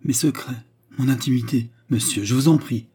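Man reading a proud, bitter queen in an audiobook novel; husky, dark tone. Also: fairly low pitch, normal speed. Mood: proud, angry.

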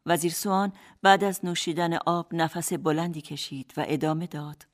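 A woman narrating a radio drama fairy tale in calm, scripted storytelling. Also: on the low side. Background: faint music.

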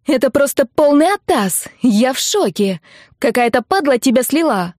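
A loud, excitable young woman shrieks news down the phone, her voice high and strained with alarm. A woman reader acts her out in a close, dry audiobook recording. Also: moderate pace, no room sound. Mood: shocked, shouting. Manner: shouting, breathless with alarm. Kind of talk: audiobook character voice.

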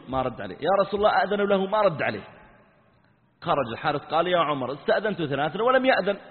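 Preacher guy telling the story quick, goes quiet and low for the quotes, tinny sound with long hall echo. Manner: dramatic retelling, dropping to hushed low tones for quotes. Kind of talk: sermon storytelling. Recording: tinny, band-limited recording in a reverberant hall.

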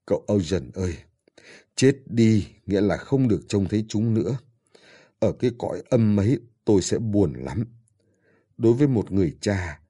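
With deep, dark, husky tones, a man performs an audiobook character, an old father frail and pained on his deathbed, pleading weakly for his absent daughters. The reading is heavily acted and mournful.

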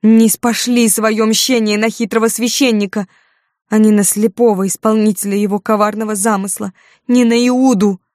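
A woman reading an audiobook, voicing a grief-stricken young woman who cries out in a high, loud, frenzied voice. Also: slow, no room sound, clean studio sound.

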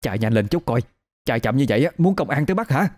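A man voicing a hot-tempered older mother in a ghost story, scolding and shouting. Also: mid-range voice, lively intonation, fast talker, voice pushed up, natural voice.

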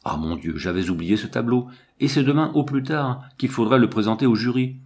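A man's voice: mid-range voice, brisk, darkish tone, natural voice. A man reading the part of a troubled, remorseful young painter in an audiobook, speaking earnestly.

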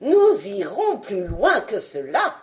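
A woman voicing an excitable little old male scientist in an audiobook, grave in tone and turning shrill. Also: slow. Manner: grave then shrill when alarmed. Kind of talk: audiobook character reading.

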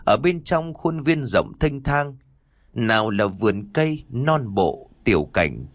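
Male narrator, ghost-story audiobook, animated delivery, dry studio voice. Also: medium pitch, takes it slowly, no echo. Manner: expressive storytelling.

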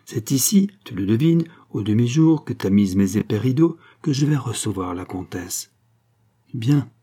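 A man's voice: medium pitch, expressive, moderate pace, mellow, breathy edge. A man voicing a vain, self-assured young gallant who speaks in a boastful, theatrical way, in an audiobook. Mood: confident.

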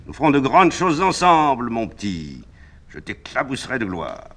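A man voicing an imperious, mercurial emperor who gives sharp orders and breaks into loud outbursts, read from a stage play. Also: medium pitch, wildly swooping pitch, moderate pace, voice pushed up, exaggerated voice. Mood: grandiose. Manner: commanding, with sudden loud outbursts. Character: imperious, mercurial male emperor, middle-aged.

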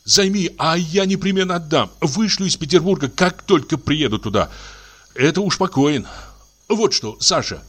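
A man's voice: on the high side, lively intonation, moderate pace, a bit bright, pitched above the performer's own voice. A man reading an audiobook voices a nervous young man pleading with a friend in a trembling voice. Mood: pleading, desperate.

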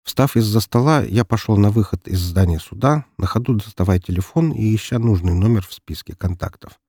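A man reading a first-person audiobook in a measured, dryly ironic way. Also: lowish voice, dark tone, husky, no room sound, studio quality. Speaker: audiobook narrator.

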